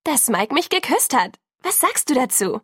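A woman's voice: mid-range voice, vocal fry, slightly rough, no room sound, studio quality. A woman voicing a chatty teenage girl who gushes about her evening and sulks when ignored, reading an audiobook. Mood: impatient. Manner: gushing, quick to sulk. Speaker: audiobook reader.

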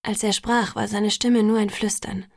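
A woman reading a first-person story aloud as an audiobook narrator, in a measured storytelling manner. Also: medium pitch, flat delivery, vocal fry, no room sound, clean studio sound. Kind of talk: scripted narration.

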